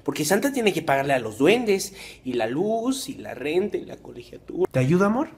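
A woman's voice: sits low, big pitch swings, moderate pace, darkish tone. A woman with a Mexican Spanish accent acting out exaggerated comedy sketches, switching between mother and child roles.

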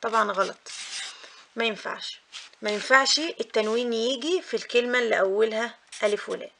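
Speaking fast in a fairly high, gravelly, somewhat bright voice, a young Egyptian woman walks mothers through a grammar lesson. She stays patient, goes back over the main points, and drops in frequent filler "ah"s.

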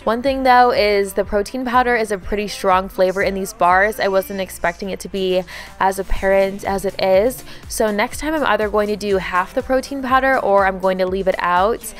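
A woman's voice: mid-range voice, moderate pace. A young woman, a home vlogger, giving a chatty, upbeat voice-over that explains each step of her cooking.

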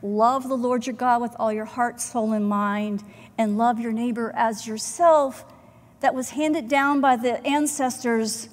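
Standing before the chancel in a church sanctuary, a woman pastor preaches a sermon slowly and earnestly, pausing deliberately in a measured style. Her voice is on the high side with fairly even intonation. A pulpit mic and a distant camera capture her, with the long reverb of the church hall.

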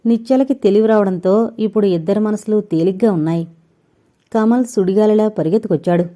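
A woman reading a novel aloud as narrator, in steady storytelling. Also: mid-range voice, brisk. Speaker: audiobook narrator.

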